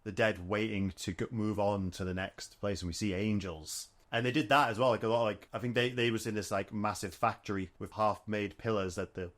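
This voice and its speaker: A man with a fairly low voice co-hosts a casual film chat. He sounds relaxed as he explains behind-the-scenes details. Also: fairly quick, hardly any pauses. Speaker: podcast co-host.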